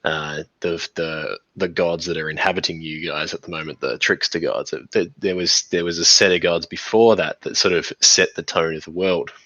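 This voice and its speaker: Deep-voiced man running a tabletop game. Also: fairly even intonation, pushed and bright, no echo. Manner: halting, searching for words. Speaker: game master. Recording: dull lo-fi recording.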